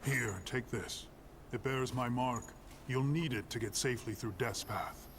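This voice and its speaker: An actor playing a gracious, formal male ruler of a hellish domain in an animated series, speaking in a measured, polite way. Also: mid-range voice, background noise, lightly acted.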